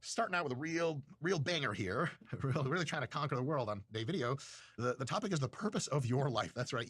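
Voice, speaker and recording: A Russian video creator gives a casual, rambling monologue lecture on philosophy, profane and self-mocking. His medium-pitched voice has a breathy edge, and the recording is dry.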